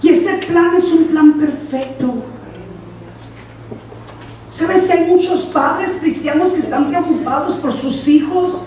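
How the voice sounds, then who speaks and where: A high-pitched woman pastor preaches a lively sermon. She acts out the voices in her anecdotes. She is picked up from a distance, with heavy church reverb around her. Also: takes it slowly, long pauses, a little hiss or hum. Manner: animated preaching, acting out voices in quotes. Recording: echoey church from far off.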